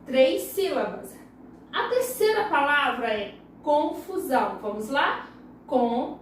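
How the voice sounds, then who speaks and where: A woman's voice: high voice, sing-song, takes it slowly, a little hiss or hum. A woman teacher with a Brazilian Portuguese accent giving a recorded lesson for young children, patiently drawing words out syllable by syllable. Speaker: primary school teacher. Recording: very echoey room, voice far from the mic.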